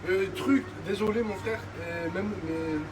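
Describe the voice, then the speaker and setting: A man's voice: sits high, measured pace, noisy background. A young man, chatting casually with friends in street slang. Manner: French suburb street slang.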